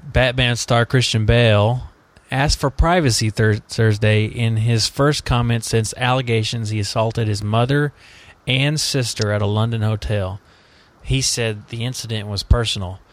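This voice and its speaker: A man's voice: medium pitch, unhurried. Rambling, jokey male podcast host. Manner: rambling, jokey, laughs a lot. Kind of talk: casual podcast chat.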